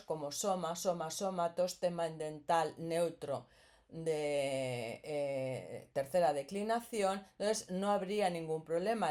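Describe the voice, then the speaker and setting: A woman's voice: on the low side, darkish tone. A woman teaching a grammar lesson, explaining patiently and often checking in with the listener.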